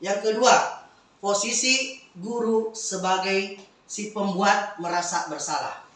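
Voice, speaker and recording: A man leading a teacher training session, lively and encouraging, with fillers. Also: high voice, takes it slowly. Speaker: workshop facilitator. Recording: echoey room from far off.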